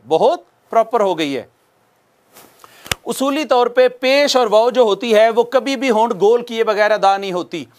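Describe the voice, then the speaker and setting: A man teaches Quran recitation in a very high voice. He speaks slowly and patiently, drawing out each recited word so students can follow. His explanations are calm and deliberate. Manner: slow, patient, repeats drawn-out recited words for students to follow. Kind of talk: slow spoken tajweed lesson with recited examples.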